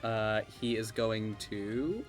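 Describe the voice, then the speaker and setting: A man's voice: lowish voice, slow pace, faint music behind. Hesitant man running a tabletop game. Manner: hesitant, stumbling restarts. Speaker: dungeon master. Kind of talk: casual tabletop game chat. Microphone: online voice call.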